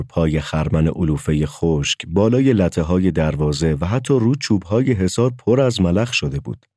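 A man's voice: low voice, mellow, no echo, studio quality. A man narrating a story as an audiobook, telling it expressively.

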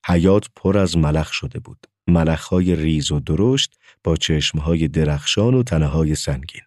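Deep-voiced expressive male storyteller. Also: no echo, clean studio sound. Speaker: narrator. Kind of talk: scripted audiobook narration.

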